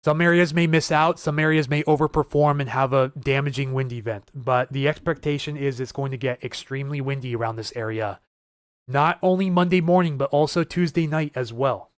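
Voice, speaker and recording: A man's voice: medium pitch, brisk, dry recording, clean studio sound. A man hosting a live weather stream, talking casually and urgently to viewers, nervous and earnest. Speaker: weather livestream host.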